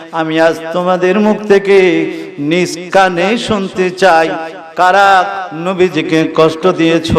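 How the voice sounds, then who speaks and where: A male preacher, delivering a sing-song chanted sermon and calling on the crowd to respond. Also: sits high. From Bangladesh. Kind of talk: chanted Bangla waz sermon. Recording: reverberant hall sound.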